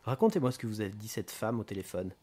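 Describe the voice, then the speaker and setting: A man voicing a calm, laconic male police detective in an audiobook reading, speaking in a dry, understated way. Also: lowish voice, quick pace, slightly rough.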